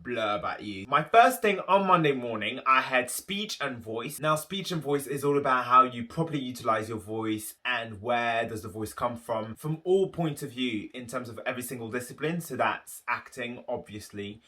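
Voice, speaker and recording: A young YouTube host with a London accent chats casually to camera in a medium-pitched, pushed, bright voice at a moderate pace. Enthusiastic, he explains things in long run-on stretches with few pauses.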